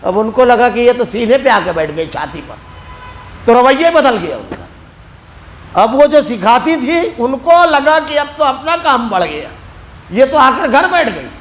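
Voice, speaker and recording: A man with an Indian Urdu accent from Maharashtra, teaching a religious lesson in a mosque as an animated storyteller. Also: extremely high pitch, a little hiss or hum, low-quality recording. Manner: animated storyteller acting out quoted speech. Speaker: Quran teacher.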